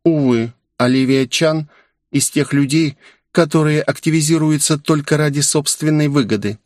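A man voicing a shy, clingy young woman in an audiobook, speaking in a soft, pleading, raised voice. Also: fairly high pitch, moderate pace, no echo, studio quality, pitched above the performer's own voice, lightly acted. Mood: confiding.

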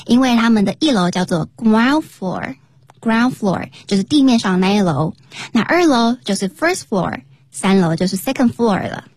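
Slightly husky woman teaching English on radio. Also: mid-range voice, expressive, normal speed, no room sound. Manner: clear, careful explanations, spells words out. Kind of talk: radio language lesson. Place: radio studio.

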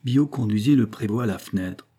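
A man narrating a classic novel as an audiobook, in a measured, expressive reading. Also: on the low side, husky.

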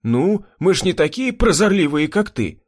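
A man's voice: high voice, big pitch swings, normal speed, voice pushed up. A man voicing a sly, mocking soldier who teases his boss.

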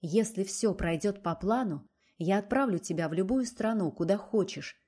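A woman's voice: moderate pace, warm tone, slightly rough, lightly acted. A woman reading a cold, domineering man. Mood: coaxing, cold. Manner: low, coaxing and curt. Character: forceful domineering adult man, cold and insistent.

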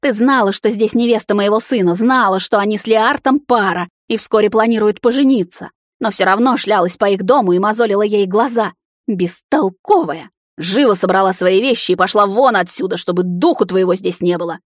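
A woman voicing a fierce, protective vampire mother who snarls and shouts in rage, in a storybook reading. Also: medium pitch, fairly quick, few pauses, breathy edge, no echo, studio quality. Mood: furious.

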